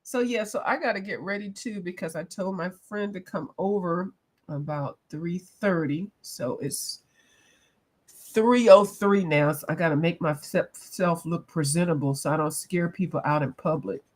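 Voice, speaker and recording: A woman from the eastern United States colors on a livestream, chatting casually with viewers, reading their comments aloud and laughing often. Playful, she drifts between accents, and her voice is on the low side and darkish, at a measured pace.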